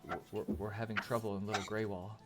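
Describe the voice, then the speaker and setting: A man voicing a shy, middle-aged elf woman who stammers and speaks softly as she asks for help. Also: on the low side, steady tone, measured pace, over loud music, close to an everyday voice. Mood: pleading. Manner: stammering, hesitant, soft-spoken.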